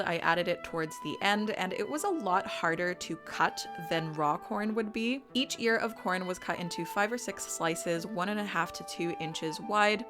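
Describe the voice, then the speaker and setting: A woman in her twenties from Romania, giving a chatty, upbeat voice-over for her own cooking vlog. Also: lowish voice. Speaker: vlogger.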